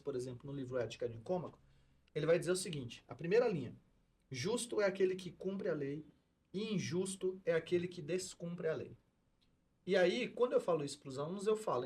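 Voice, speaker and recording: Husky-voiced man explaining philosophy. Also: sits high. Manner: explanatory, lecturing tone. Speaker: co-host, law and philosophy teacher. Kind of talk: podcast discussion.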